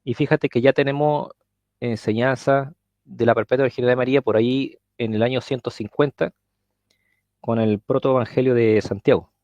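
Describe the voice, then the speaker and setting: Gravelly Chilean man, hesitant. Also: medium pitch, steady tone, moderate pace, a little mellow, dry recording, muffled recording. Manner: hesitant, searching for words, many fillers. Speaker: guest speaker. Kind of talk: live-stream religious discussion.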